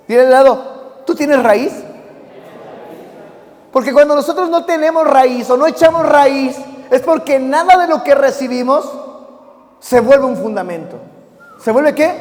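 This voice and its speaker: A man preaches from a church hall, his voice sitting unusually high for a man. He keeps throwing questions at the congregation and calling for them to repeat phrases back. Long reverb trails after each phrase. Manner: lively call-and-response preaching with many questions to the congregation. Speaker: pastor. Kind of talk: sermon.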